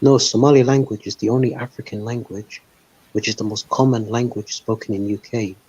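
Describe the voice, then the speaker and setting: A man's voice: fairly low pitch, fairly even intonation, fairly quick, darkish tone, a little hiss or hum. A man hosting a casual online panel, rambling with lots of "like" and "um". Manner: rambling, heavy use of "like" and "um". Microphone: voice call over a live stream. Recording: dull lo-fi stream call audio.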